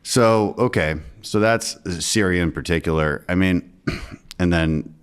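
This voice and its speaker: Deep-voiced man hosting a casual interview. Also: a little slow, smooth. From United States. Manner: conversational, stumbling restarts, chuckles. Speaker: host.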